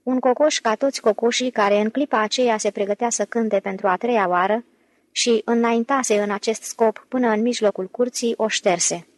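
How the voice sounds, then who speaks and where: A woman's voice: fairly high pitch, no room sound. Woman narrating an audiobook. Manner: steady, measured storytelling. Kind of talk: scripted narration.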